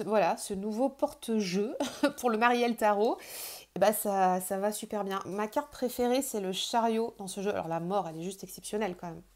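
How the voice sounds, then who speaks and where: A woman with a French accent casually showing her tarot decks, chatty and hesitant, with many fillers and restarts. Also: medium pitch. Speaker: tarot video host.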